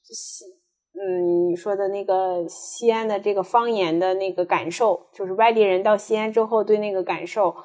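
A woman talks through her ideas in a relaxed group conversation, pausing often and restarting her sentences. Her voice sits at an ordinary middle pitch, and she speaks like an informed guest sharing a view. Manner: thoughtful, many fillers and restarts. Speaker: podcast guest, transport specialist. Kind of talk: casual panel discussion.

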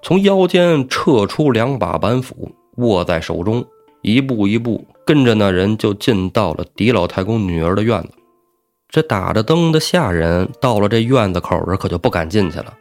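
A man hosting a storytelling show, narrating in a lively, colloquial way with asides to the listener. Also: fairly low pitch, moderate pace, faint music behind. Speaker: storyteller host.

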